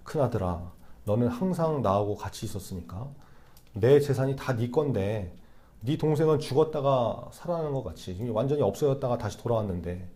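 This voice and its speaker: A man voicing an old father gently pleading with his elder son, as an acted quote inside a sermon. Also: medium pitch, expressive, brisk, a little hiss or hum, lightly acted.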